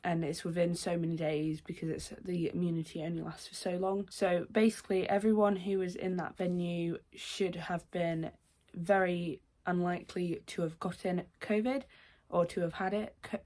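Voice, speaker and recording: A young woman, vlogging in casual chat, her voice slightly croaky and nasal from a cold, rambling with many restarts. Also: fairly low pitch. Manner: rambling, with many fillers and self-corrections. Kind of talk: casual chatty vlog talk.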